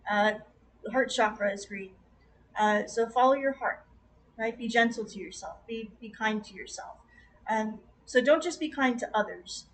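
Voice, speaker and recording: A woman giving a casual, rambling tarot reading on a stream, with gentle, encouraging advice and chatty asides. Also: on the high side, poor audio. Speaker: tarot reader.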